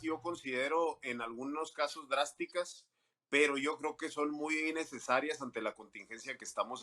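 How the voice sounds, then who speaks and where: A man's voice: medium pitch, sharp tone, a little hiss or hum. A man, a legislator speaking earnestly on a panel. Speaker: state legislator. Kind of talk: panel discussion.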